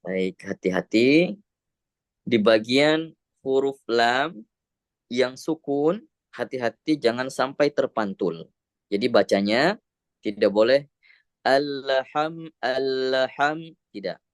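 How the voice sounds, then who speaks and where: An Indonesian man teaching Quran recitation on a video call, slow and patient, drawing out sounds to model them. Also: mid-range voice, expressive, no room sound, studio quality. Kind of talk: patient one-on-one recitation lesson.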